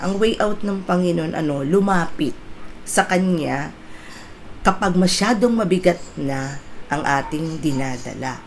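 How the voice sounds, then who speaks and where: A woman's voice: fairly low pitch, a little hiss or hum. A middle-aged woman pastor giving a conversational sermon in mixed Tagalog and English, often checking in with her listeners through short tag questions. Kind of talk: Taglish sermon exhortation.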